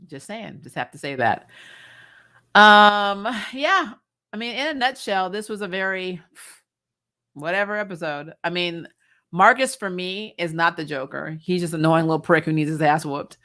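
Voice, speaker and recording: Hosting a recap stream, a woman talks casually and opinionatedly about what she's reviewing, blunt and sarcastic, emphatic, swearing without restraint and clearly exasperated. Her voice is lowish, pushed and bright.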